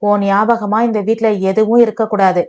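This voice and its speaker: A woman's voice: mid-range voice, level tone, normal speed, darkish tone, muffled recording, close to an everyday voice. A woman voicing a bitter, sarcastic young husband who mocks and accuses his wife. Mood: angry. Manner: mocking, accusing.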